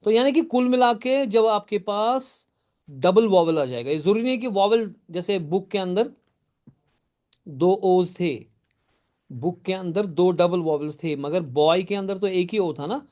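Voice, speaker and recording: A man's voice: high voice, lively intonation, measured pace, darkish tone. A male teacher lecturing a live class, explaining step by step, often checking that students follow, and praising their answers. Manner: addresses students by name and answers their typed questions.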